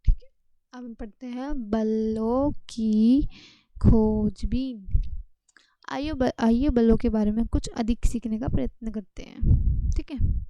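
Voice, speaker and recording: A woman's voice: fairly high pitch, takes it slowly, mellow, no echo, lo-fi sound. A woman science teacher explaining a textbook lesson step by step, often asking her students questions.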